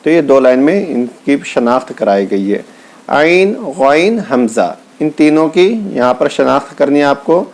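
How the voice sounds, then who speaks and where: A man teaching Quran letter reading. He calls out each Arabic letter slowly and then explains patiently, with speech. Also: mid-range voice, lively intonation, darkish tone. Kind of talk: slow step-by-step lesson.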